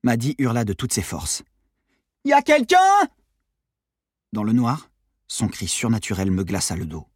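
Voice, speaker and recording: A man narrating a first-person audiobook in an expressive, measured storytelling voice, recorded close in a booth. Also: on the low side, husky, dry recording.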